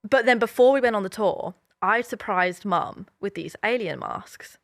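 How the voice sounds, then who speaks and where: A woman's voice: medium pitch, animated, normal speed, creaky, dry recording, studio quality. A woman in her twenties, co-hosting a podcast and telling stories in a chatty, rambling way full of fillers. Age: 20s. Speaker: podcast co-host. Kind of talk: casual chat.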